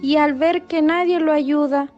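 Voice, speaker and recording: Slow-reading woman storyteller. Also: high-pitched, fairly even intonation, dull audio. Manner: slow, clear, addresses children directly. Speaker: children's storyteller. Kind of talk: children's story narration. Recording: narration over loud background music.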